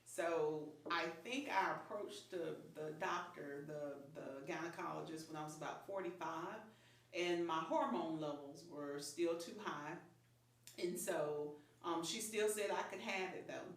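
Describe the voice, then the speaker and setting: A woman in her fifties, with a deep voice and measured pace, chats candidly as a guest, speaking frankly and openly and laughing easily. She sounds far off in an echoey room.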